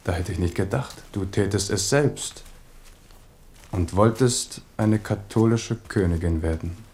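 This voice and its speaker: A man's voice: lowish voice, measured pace, a little mellow. An actor playing a worldly, passionate and commanding king in a radio drama. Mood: brooding, reproachful. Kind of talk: 1970s German radio drama acting.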